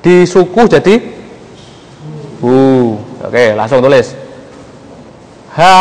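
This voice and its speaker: Slow, halting man lecturing in a hall. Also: medium pitch. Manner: slow, halting, quizzes the audience often. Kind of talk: classroom lesson on Old Javanese script. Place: museum lecture room. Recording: long hall reverb.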